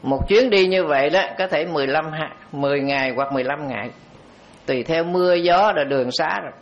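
High-voiced monk storyteller. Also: male voice, quick pace, a little hiss or hum. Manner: conversational, addresses the audience directly. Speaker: Buddhist monk. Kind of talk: storytelling dharma talk. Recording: dull lo-fi recording.

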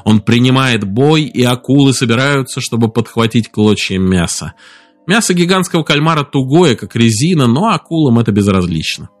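A man narrating an audiobook in a steady, measured storytelling voice. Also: mid-range voice, soft background music.

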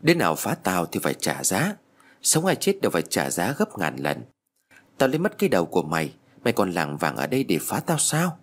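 A man voicing a cruel, mocking shadow demon who threatens a child, with a husky low voice. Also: huge pitch swings, fairly quick, full character voice. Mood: raging. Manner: threatening, scornful.

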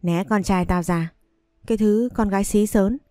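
A woman's voice: normal speed, dark tone, dry recording, studio quality, soft background music, lightly acted. Woman reading as a scolding shrewish mother. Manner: shrill scolding insults. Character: sharp-tongued abusive middle-aged mother.

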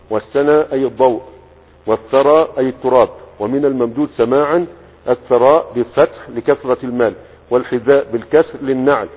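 Husky-voiced Egyptian sheikh teaching grammar, phone-like sound. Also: male voice, medium pitch. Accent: Egyptian Arabic. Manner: reads the text, then explains in colloquial asides with checks to students. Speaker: teacher of Arabic morphology. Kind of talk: classical text lesson. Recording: husky voice, echoey hall, phone-like band.

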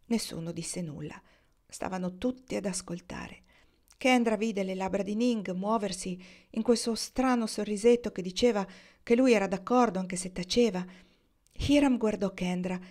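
Female audiobook narrator, calm, measured reading. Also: mid-range voice. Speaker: audiobook reader. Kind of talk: novel reading.

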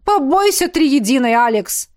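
A woman's voice: high-pitched, expressive, a little fast, voice pushed up. A woman voicing a stern commanding priestess who speaks curtly and with authority. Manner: curt, authoritative.

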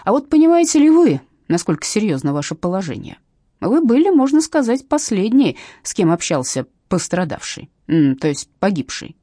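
A woman's voice: medium pitch, big pitch swings, moderate pace, warm tone, no echo, studio quality, voice pushed up. A woman reading a curt, barking police captain. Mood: stern. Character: stern sarcastic female police captain, barking orders.

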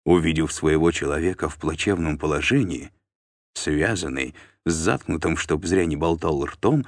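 A man narrating an audiobook in an expressive storytelling manner. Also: very deep voice, moderate pace, no room sound.

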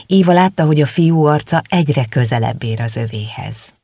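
Audiobook narrator: steady, gravelly, dry studio sound. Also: mid-range voice, no echo. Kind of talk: scripted narration. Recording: dry close recording.

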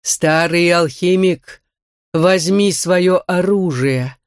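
A reader voicing the ghost of a young man, grim and muffled, speaking slowly in a hollow, faraway-sounding voice. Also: mid-range voice, smooth, no room sound, studio quality. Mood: solemn. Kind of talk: audiobook narration.

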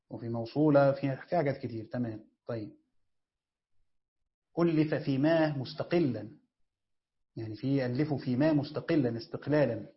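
A man with an Egyptian accent teaching a classroom lesson on Quran exegesis, quizzing listeners and then answering his own questions. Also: medium pitch. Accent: Egyptian Arabic. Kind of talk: classroom lesson, explaining grammar. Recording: dull lo-fi recording.

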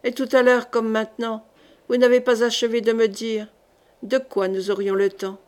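A gruff older jailer speaks slowly and evenly, with a dry irony under his politeness, as a woman reads him in an audiobook. The voice sits fairly high, in a plain storybook reading. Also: little pitch movement, close to an everyday voice. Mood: calm ironic. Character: gruff older male jailer, calm and ironic.

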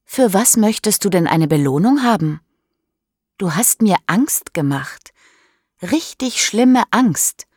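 A woman reading a storybook, voicing an emotional teenage girl who cries out high and loud. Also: animated, slow, breathy edge, no room sound, clean studio sound. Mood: indignant.

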